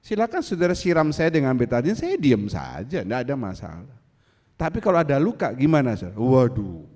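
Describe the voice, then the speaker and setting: A man preaching a sermon as pastor, animated and teasing, acting out angry voices. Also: medium pitch, fairly quick, long reverb tail. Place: church.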